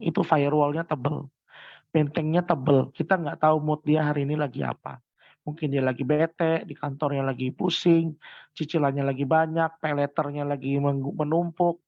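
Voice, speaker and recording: Gravelly-voiced man teaching sales on a call. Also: no room sound. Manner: lively, acts out sales pitches with big shifts in intonation. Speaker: sales trainer. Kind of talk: online sales training talk. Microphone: video call. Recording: dull lo-fi video call audio.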